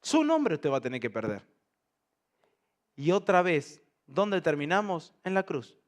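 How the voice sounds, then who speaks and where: A man's voice: fairly high pitch, wildly swooping pitch, unhurried. A man pastor, preaching a sermon to his congregation, humorous and full of rhetorical questions. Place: church service before a congregation.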